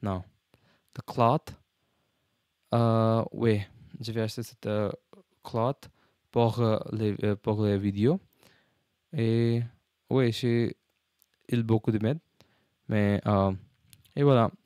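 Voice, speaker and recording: A man learning French as a second language, with a foreign accent in French, talking casually in a vlog and haltingly searching for words as he switches languages. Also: on the low side, steady tone, darkish tone, clean tone, dry recording, clean studio sound. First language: not French, a learner. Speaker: language learner, video host.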